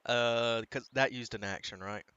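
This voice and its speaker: A man's voice: medium pitch, steady tone, measured pace, sharp tone, smooth, dry recording, muffled recording. A man playing a tabletop game who talks casually and swears freely. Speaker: player.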